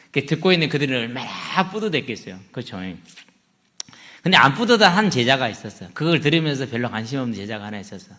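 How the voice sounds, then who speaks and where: A man's voice: mid-range voice, very animated, fast talker, pushed and bright. Middle-aged man, pastor preaching a storytelling sermon in a reverberant church. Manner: storytelling, asks the congregation questions. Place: church sanctuary. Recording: echoey church hall.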